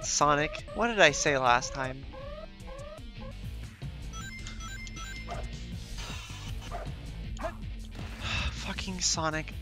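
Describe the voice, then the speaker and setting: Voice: mid-range voice, lively intonation, unhurried, hardly any pauses. Exasperated streamer swearing over a game. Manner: exasperated, swears often, scolds the game character. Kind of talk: gameplay commentary. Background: game music.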